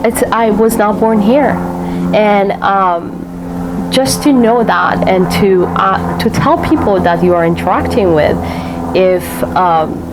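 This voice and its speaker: Recorded in low quality over music, a guest author from Africa with an Eritrean accent gives a library talk. She speaks slowly in a mid-range voice, laughing frequently and repeating words to stress them.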